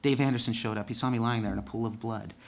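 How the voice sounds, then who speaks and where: Male storyteller, monologue delivery, animated with big swings in energy, stammers and repeats words. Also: fast talker, vocal fry. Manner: animated, swings between excited highs and hushed lows. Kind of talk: first-person storytelling monologue.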